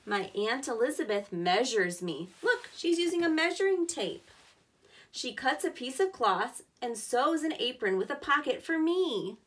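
Her voice high, very animated, a bit bright and measured in pace, a woman in her thirties reads a story aloud to preschool children she teaches. She explains things clearly and simply with encouragement, recorded indoors at a short distance from the microphone.

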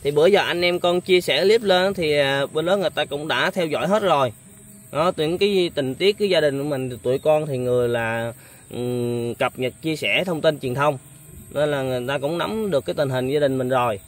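A man's voice: fairly high pitch, a little fast, slight background noise. A young man hosting a casual interview, speaking politely with many hesitant fillers. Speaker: vlogger host.

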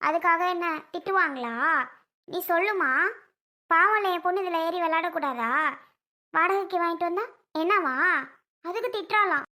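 A quarrelsome young mother, as a woman acts her out who takes offense on her daughter's behalf. She argues indignantly in a very high, bright, forceful voice in this family comedy. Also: moderate pace, pauses often.

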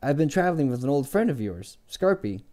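A man's voice: medium pitch, big pitch swings, brisk, mellow, pitched above the performer's own voice, natural voice. A man reading aloud and voicing an earnest, persistent young scholar.

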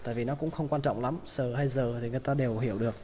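A man teaching English pronunciation, repeating each word slowly in drills. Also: medium pitch, steady tone, warm tone, slight background noise. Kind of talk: pronunciation lesson. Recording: long hall reverb.

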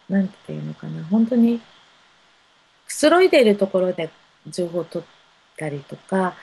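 A woman giving unhurried spiritual messages to viewers of a live stream, speaking gently with many soft fillers. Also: lowish voice, gravelly, slightly rough, poor audio. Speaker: spiritual counselor.

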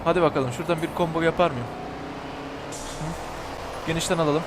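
A young Turkish man giving let's play commentary over a racing game, excitable, shouting and cursing at rival cars. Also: a little high, brisk, background noise. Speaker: gaming YouTuber.

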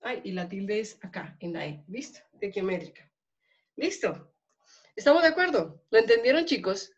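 A woman's voice: fairly high pitch, big pitch swings, moderate pace, lo-fi sound. Colombian woman teaching chemistry class. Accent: Colombian Spanish. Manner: checks in often with questions to students. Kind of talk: classroom lecture.

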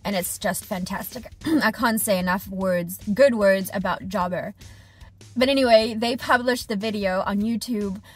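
Inside a parked truck cab, a thirtysomething woman who is an HVAC technician and business owner talks casually to camera for her vlog diary. Her voice is medium in pitch, slightly rough, and at normal speed; she's animated and gestures with her hands. Soft music plays in the background, and the camera sits on the dashboard at arm's length.

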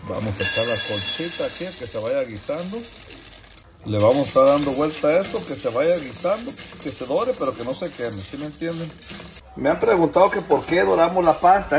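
A man's voice: fairly high pitch, vocal fry. A man, casually vlogging his family day and narrating his cooking, playful and tender with his baby.

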